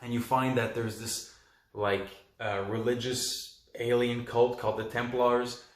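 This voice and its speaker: A man's voice: medium pitch, level tone, a little slow, reverberant. A man hosting a podcast, casually reviewing a film in a rambling, enthusiastic way, with plenty of ums and restarts. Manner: rambling, enthusiastic retelling with many fillers. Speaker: podcast host.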